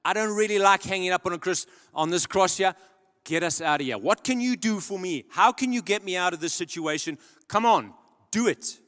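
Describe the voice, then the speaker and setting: Man doing a jeering condemned criminal, pushy and taunting, slightly high voice with long hall reverb. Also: fairly quick, a bit bright. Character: mocking male criminal on a cross.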